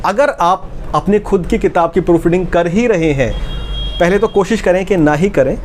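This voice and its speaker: A man's voice: sits high, a little mellow, slight background noise. A man explaining step by step in a tutorial and speaking to viewers as friends. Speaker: publishing instructor. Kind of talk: tutorial talk.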